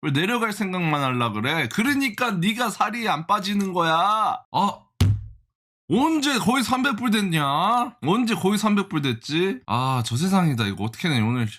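A man's voice: high-pitched, animated, moderate pace, fairly bright tone. A young man giving live reaction commentary as he day-trades, exasperated and joking with his viewers and scolding the price chart. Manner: exasperated, talks to the chart, jokey banter with viewers. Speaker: stock-trading vlogger.

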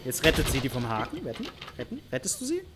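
Lively man teasing through a game. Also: medium pitch, fast, over loud music. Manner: animated, teasing, mock-taunting game characters. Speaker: gaming YouTuber. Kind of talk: let's play commentary.

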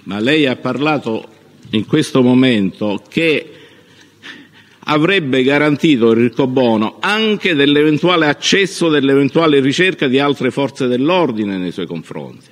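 A man cross-examining a witness as a lawyer in court, formal and probing, with halting phrasing. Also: medium pitch, lively intonation. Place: large reverberant courtroom. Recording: echoey courtroom with long reverb.

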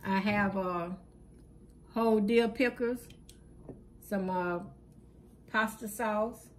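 A woman with a mid-range voice hosts her channel, narrating a casual grocery haul off camera at home. She lists each item plainly and unhurriedly, with lots of fillers, over slight background noise.

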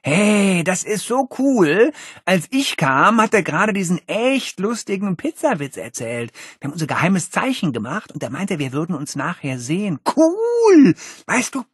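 A star-struck seventh-grade boy who rambles without a breath, as a man puts him on. His voice leaps high and swoops wildly, husky and dry in a close storybook reading. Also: big pitch swings, normal speed, fairly bright tone, no echo, heavily acted. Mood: gushing. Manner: gushing, rambling.

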